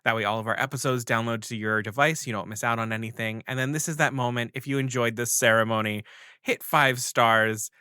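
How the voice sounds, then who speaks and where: A man's voice: mid-range voice, fairly even intonation, brisk, bright, forceful tone, clear, resonant tone, no echo, studio quality. A man co-hosting a podcast, chatting casually in a playful, jokey way. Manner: playful, jokey, emotional when telling a story. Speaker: podcast co-host.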